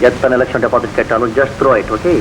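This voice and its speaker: An actor playing a hurried young businessman who talks in clipped bursts, in a 1970s film scene. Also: mid-range voice, steady tone, noisy background, natural voice. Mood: urgent. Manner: rapid, clipped, urgent. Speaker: friend and business partner.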